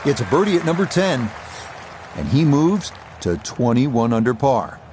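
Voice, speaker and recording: A man playing a TV golf commentator, giving measured, descriptive play-by-play calls of each shot in a video game broadcast. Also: mid-range voice, sing-song, darkish tone, a faint crowd, a little hiss or hum. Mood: composed, approving. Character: male TV golf play-by-play announcer.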